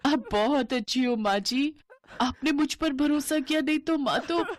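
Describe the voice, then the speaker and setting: A woman's voice: high-pitched, a little slow, no echo, pitched above the performer's own voice. A frightened young bride from a cartoon story, played by a woman. Her voice is raised and pleading, and she stammers when nervous; the recording is dry and close. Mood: tearful. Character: timid young bride, anxious and fearful.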